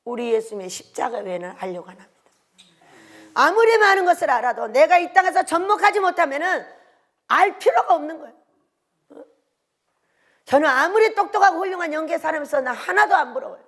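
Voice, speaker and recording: An older woman delivers an emotional sermon in a high voice with a gravelly edge of vocal fry. She swings from loud exhortation to hushed, breathy whispers. She keeps turning to the congregation with rhetorical questions. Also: animated, brisk, long pauses. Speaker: preacher.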